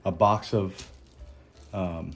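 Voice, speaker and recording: A man with a Southern accent, hosting a casual unboxing chat in an unhurried, halting way with many ums and restarts. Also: sits low, fairly even intonation, creaky. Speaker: cigar channel host.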